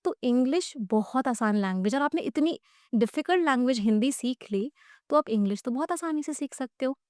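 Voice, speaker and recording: Higher-voiced woman teaching with dry sound. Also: lively intonation, fairly quick, darkish tone, no room sound. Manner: explains step by step, spells words out letter by letter. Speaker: English teacher. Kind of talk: podcast interview, teaching tips.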